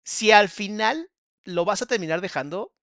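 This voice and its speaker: A man, hosting a podcast and reacting with sarcastic, drawn-out remarks. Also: sits high, lively intonation, sharp tone, no room sound, clean studio sound. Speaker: host reacting to a guest's story.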